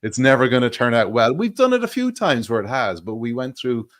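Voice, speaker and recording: A man's voice: mid-range voice, very animated, a little fast, a bit bright. A man hosting a livestream interview, chatty and enthusiastic, laughing easily. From Ireland. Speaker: livestream host. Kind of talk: casual interview chat.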